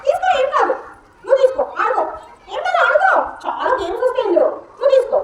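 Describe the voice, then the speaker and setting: A woman teacher, speaking in a very high voice as she coaxes small children with question after question. She is caught from a distance in an echoey classroom, with a faint hiss behind her. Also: sing-song, fast. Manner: coaxing, repetitive, questioning. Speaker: school teacher. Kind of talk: coaxing young children in a classroom demonstration. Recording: echoey room, mic far off, faint noise.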